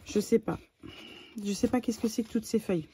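Excitable French woman unboxing, mellow voice. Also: on the high side, brisk. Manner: chatty and excitable, lots of fillers and repeated words. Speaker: vlogger. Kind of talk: casual unboxing chat. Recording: faint background noise.

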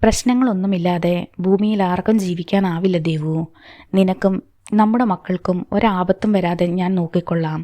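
A woman voicing a steady, protective middle-aged father who speaks firmly, in a warm, dry reading. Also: on the low side, moderate pace, dry recording, natural voice. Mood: reassuring. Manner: firm, reassuring.

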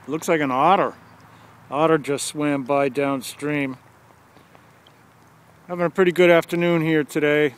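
Guy vlogging his fishing trip by a creek, kinda high voice, camera mic, bit of traffic noise in the back. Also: fairly bright tone. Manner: chatty, plainspoken play-by-play. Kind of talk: casual outdoor narration. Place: outdoors by a creek under a road bridge. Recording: outdoor camera audio with faint traffic hum. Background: faint traffic noise.

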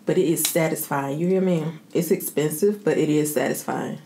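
Mukbang host: woman, thirties, somewhat low voice, relaxed-paced chat while eating, some background noise. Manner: savoring, talking between bites with drawn-out mms. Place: indoor home setup with plain backdrop.

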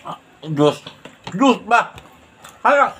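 A man's voice: sits high, very animated, slow pace, fairly bright tone, soft background music. A man, chatting playfully with his mouth full of food during a casual eating vlog. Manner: playful, laughing often. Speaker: mukbang vlogger.

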